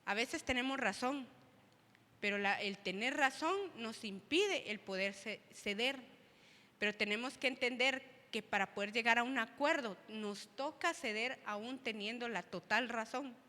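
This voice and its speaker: A woman's voice: on the high side, measured pace, sharp tone, long reverb tail. A woman co-presenting at a church service, speaking thoughtfully and often checking in with the listeners. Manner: thoughtful, frequent tag questions. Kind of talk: reflective church talk.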